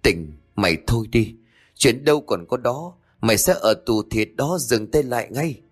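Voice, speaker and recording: A man voicing a level-headed young man who tells his hot-tempered friend to calm down, in a told ghost story. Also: medium pitch, moderate pace, breathy edge, soft background music. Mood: urgent. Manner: urging calm, commanding.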